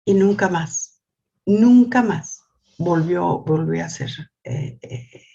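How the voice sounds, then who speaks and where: An older woman gives a church family lesson, often repeating words and asking "¿sí?", and tells stories in a lively voice. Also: on the low side, takes it slowly, creaky, breathy edge, lo-fi sound. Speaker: family school teacher. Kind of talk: church teaching talk.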